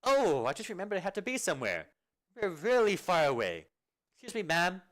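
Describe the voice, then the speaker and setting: A man voicing a flustered young female soldier who stammers in a high, anxious voice. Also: wildly swooping pitch, fairly quick, fairly bright tone, exaggerated voice. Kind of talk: amateur video game fan dub.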